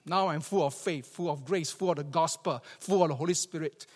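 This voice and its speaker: Fairly high-pitched, fairly quick and slightly rough, a Singaporean-accented man delivers a church sermon as pastor, reading scripture, telling stories and emphatically repeating phrases. He addresses a congregation in a big church hall with a reverberant sound.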